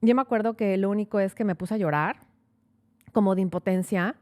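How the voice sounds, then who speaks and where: A woman's voice: medium pitch, brisk. Lady lawyer telling a story on a podcast, lots of "este" and "o sea", acts out the quotes. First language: Spanish. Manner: animated, acts out quotes, many fillers. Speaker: immigration lawyer, podcast co-host. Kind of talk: casual storytelling chat.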